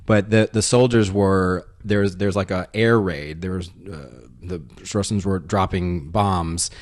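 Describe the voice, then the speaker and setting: Deep-voiced man telling rambling stories. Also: a little slow. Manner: rambling, animated anecdotes with laughs. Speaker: podcast co-host. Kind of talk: casual storytelling chat.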